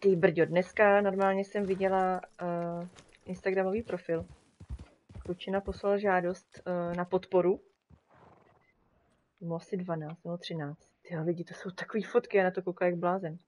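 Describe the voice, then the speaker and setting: A woman's voice: lowish voice, little pitch movement, a little mellow. A woman streaming a game live, chatting casually with her viewers and talking to the animals on screen. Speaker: streamer and graphic designer.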